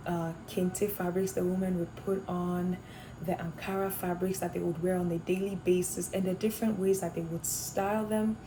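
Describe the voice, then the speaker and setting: A woman's voice: on the low side, noisy background. A young woman from Ghana, a fashion design student, answering interview questions thoughtfully with some fillers and restarts. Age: young adult.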